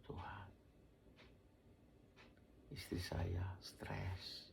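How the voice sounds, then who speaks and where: A man's voice: deep voice, completely flat delivery, extremely slow, creaky. A preacher telling his life story as a testimony, acting out quoted dialogue and often dropping to a near whisper.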